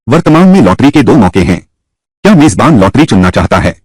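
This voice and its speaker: A man voicing a Hindi dub of a short drama with a husky, theatrical delivery. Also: medium pitch, sing-song, fairly quick, no echo. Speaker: dub voice actor.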